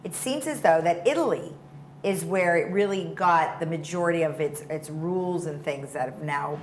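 Woman host, low voice, chatty studio interviewer, faint hiss. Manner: chatty, laughs along, quick follow-up questions. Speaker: talk show host. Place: TV studio set.

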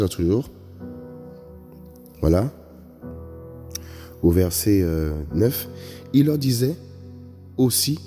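Man preaching hard, mellow dark voice, long reverb and faint music behind. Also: sits low. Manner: emphatic, repeats "vous voyez, frères et sœurs". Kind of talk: sermon.

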